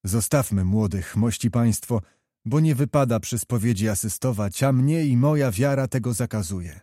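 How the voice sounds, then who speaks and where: A man's voice: mid-range voice, lively intonation, moderate pace, dark tone, no echo, clean studio sound, lightly acted. A man voicing a hearty, commanding old prince with jovial, courtly speech.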